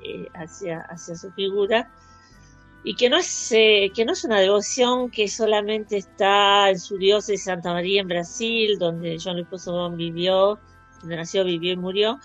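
A woman's voice: lowish voice, muffled recording. A woman hosting a radio interview, hesitant and full of fillers. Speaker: radio host.

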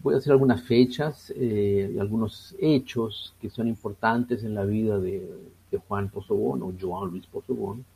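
A Chilean man in his sixties answers radio interview questions as a priest. His voice is low and gravelly with a husky edge. He talks very slowly, stopping often to search for words. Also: warm tone. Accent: Chilean Spanish. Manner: slow and hesitant, many fillers. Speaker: priest, guest.

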